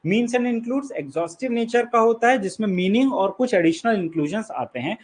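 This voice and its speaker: A man from India with a high, animated voice and an Indian English accent delivers an online exam-prep lecture at a moderate pace. He explains key terms patiently, repeats them, and keeps making sure his students are following.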